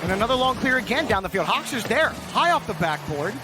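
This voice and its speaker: A man's voice: sits high, sing-song, fast talker, noisy background. A man doing esports play-by-play commentary as a caster, calling the action in clipped phrases.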